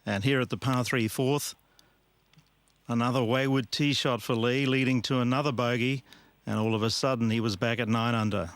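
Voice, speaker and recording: A man giving measured golf commentary as an analyst, describing play in clipped present-tense phrases. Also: mid-range voice, fairly even intonation, no room sound.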